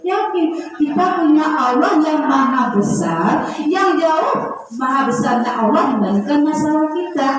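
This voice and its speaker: A woman preacher giving a lively sermon to elderly women, often calling out to her listeners and acting out prayers softly. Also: high-pitched, a little slow. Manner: acts out prayers in a soft hushed voice. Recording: very echoey hall, audience murmur.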